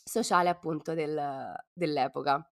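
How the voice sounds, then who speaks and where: A woman with a hoarse, cough-worn voice co-hosts a podcast, talking informally and playfully with plenty of slang. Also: deep voice, fairly even intonation, measured pace, fairly bright tone. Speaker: podcast co-host. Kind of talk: casual podcast talk.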